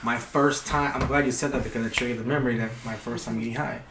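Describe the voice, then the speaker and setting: A man's voice: medium pitch, fairly even intonation, fast, a loud crowd. A young man telling a long, rambling, profane story in casual podcast chat. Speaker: podcast guest. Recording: echoey room with faint noise.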